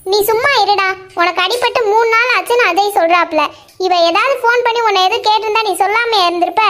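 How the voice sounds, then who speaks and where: A very high, scolding mother-in-law. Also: fast, a bit bright. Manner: scolding, accusing. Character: sharp-tongued middle-aged mother-in-law, doting on her son. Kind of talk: cartoon voice acting.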